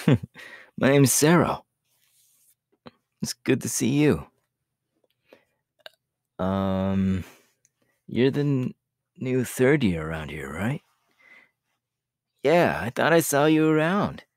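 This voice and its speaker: Sero, a man playing an easygoing, slow-talking young student. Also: mid-range voice, sing-song, no room sound, studio quality, heavily acted. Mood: friendly. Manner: hesitant, chuckling, informal, speaking straight to the listener. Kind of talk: ASMR audio roleplay, one-sided casual chat.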